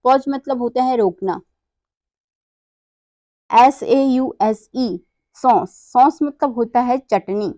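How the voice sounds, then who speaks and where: A woman's voice: on the high side, moderate pace, few pauses, mellow, dry recording. A woman teaches English pronunciation rules, spelling words out letter by letter and asking and answering her own questions. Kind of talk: slow spelling-out lesson.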